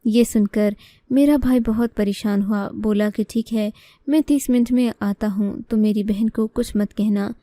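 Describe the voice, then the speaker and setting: A woman's voice: medium pitch, steady tone, warm tone, no echo. A woman narrating an emotional first-person story in an earnest reading voice.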